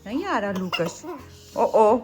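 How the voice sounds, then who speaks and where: A woman's voice: medium pitch, very animated, slow, music in the background. A woman in her thirties filming a home vlog, coaxing and doting on her small children and slipping into English. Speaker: vlog host and mother. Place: home indoors.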